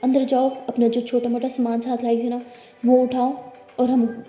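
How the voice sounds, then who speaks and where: An anxious, emotional mother, put on by a woman storyteller, who upbraids in a high voice. Her tone is mellow and warm. The room is echoey with long reverb. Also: little pitch movement, moderate pace, close to an everyday voice. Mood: worried scolding. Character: worried emotional scolding mother.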